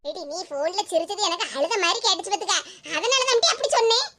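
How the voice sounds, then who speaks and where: Woman voicing a loud, protective cartoon mom. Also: extremely high pitch, expressive, fast talker. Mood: laughing. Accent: southern Tamil. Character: fierce, doting middle-aged mother. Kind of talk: cartoon voice acting. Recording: loud background hiss.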